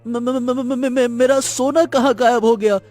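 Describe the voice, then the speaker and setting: A man's voice: extremely high pitch, steady tone, unhurried, a little mellow, no room sound. A man voicing a boastful, greedy male woodcutter in a cartoon. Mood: bewildered.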